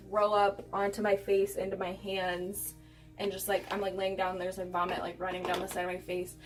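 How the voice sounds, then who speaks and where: Brief: young adult American woman, candid casual vlogger storyteller, middle-pitched, recorded at a distance with music behind. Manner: candid, giggly, swearing freely, acts out quoted dialogue. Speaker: beauty vlogger.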